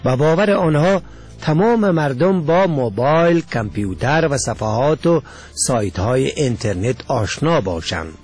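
A man from Afghanistan with an Afghan Dari accent, reading a scripted essay in a measured way. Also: mid-range voice, animated, darkish tone, husky, faint music behind. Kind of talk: scripted narration.

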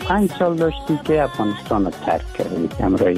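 A man's voice: on the low side, sing-song, creaky, over music. A man hosting an interview, asking questions in a friendly, playful way. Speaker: interview host. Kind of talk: casual interview talk. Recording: tinny phone-like line.

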